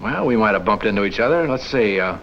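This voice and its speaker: An actor playing an honest, crusading male reporter who talks in a brisk, confident, pressing way, in a 1950s TV drama. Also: on the low side, animated, muffled recording.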